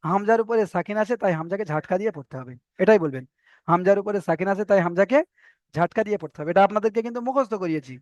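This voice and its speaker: A man's voice: high voice, lively intonation, racing, a little mellow, no room sound. A man teaching a Quran recitation class, repeating letters and rules again and again for students to memorize. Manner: repetitive, drills letters and rules aloud. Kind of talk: online tajweed lesson. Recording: dry, dull lo-fi sound.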